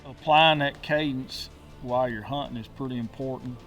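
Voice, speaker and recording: A man's voice: mid-range voice, steady tone, normal speed, fairly bright tone, far from the mic, dull audio, faint music behind. A man with a plain-spoken, folksy manner, giving instructional talk as a duck calling teacher, recorded outdoors. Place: outdoors, woods by water.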